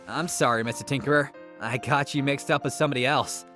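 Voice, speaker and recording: A man's voice: mid-range voice, steady tone, fast talker, bright, forceful tone, lightly acted. A man doing a cocky hedgehog hero. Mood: casual. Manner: cocky, casual. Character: cocky fast young male hedgehog hero. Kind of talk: fan comic dub. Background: background music.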